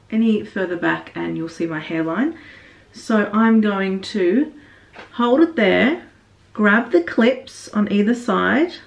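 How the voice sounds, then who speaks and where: Working on a wig, a woman with a mid-range voice and vocal fry talks casually through the styling steps. She's recorded from a distance in a small, echoey bathroom, and the sound is muffled.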